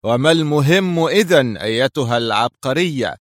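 A man's voice: medium pitch, fast talker, no echo, close to an everyday voice. A ruthless squad commander, played by a male narrator in a plain middle register. He gives orders harshly and sneers at his allies, recorded dry and close. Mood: harsh commanding.

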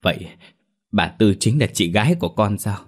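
A man's voice: on the low side, lively intonation, normal speed. A man voicing an earnest, tearful young orphan woman in a spoken storybook.

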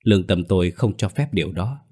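A man playing a stern, principled older father in a spoken ghost story, low-voiced and measured. He talks calmly and firmly, with a reproachful edge. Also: slightly rough. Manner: calm, firm and reproachful.

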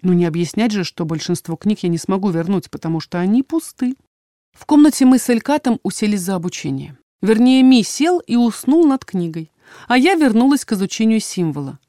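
Mellow woman reading a fantasy audiobook. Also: mid-range voice, no room sound, studio quality. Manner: measured, expressive reading. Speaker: audiobook narrator. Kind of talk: first-person fantasy audiobook narration.

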